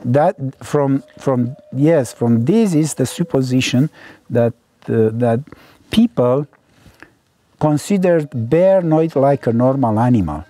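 A man's voice: mid-range voice, expressive, slow pace, mellow. A man in his sixties from Romania, a native Romanian speaker, explaining things unscripted as a researcher. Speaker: cave researcher.

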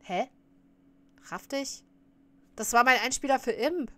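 A woman's voice: sits high, takes it slowly, no echo. A woman streamer chatting casually while reacting to a clip, often laughing and scolding her viewers.

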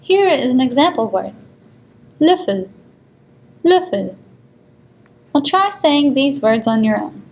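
A woman reading a scripted pronunciation lesson in a clear, measured way. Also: high-pitched, expressive, slight background noise. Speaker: language instructor.

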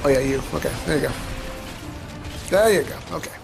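A man's voice: a little high, a little fast, creaky. A man giving casual, playful gameplay commentary, muttering to himself with mock-villain boasts. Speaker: gaming YouTuber. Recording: game music under the voice. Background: video game music and action.

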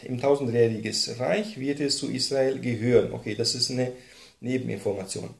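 A man's voice: mid-range voice, fairly even intonation, normal speed, creaky. Man teaching a Bible class, echoey room. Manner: explains step by step with many fillers and tag questions.

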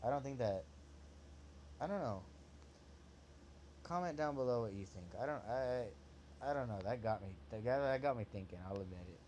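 A young man giving excitable, trash-talking commentary over his own gameplay, swearing at his opponent as he plays. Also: mid-range voice, normal speed, pauses often, slight background noise. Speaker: gaming channel host.

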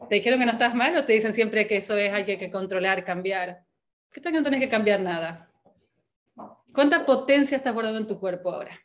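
A woman's voice: medium pitch, fairly quick. A woman leading a coaching workshop. She asks one rhetorical question after another and laughs often. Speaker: workshop facilitator.

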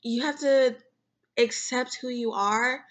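A woman's voice: fairly high pitch, steady tone, slow pace. A young woman vlogger talking earnestly and rambling to camera about self-acceptance, near tears at times. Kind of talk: personal talk to camera.

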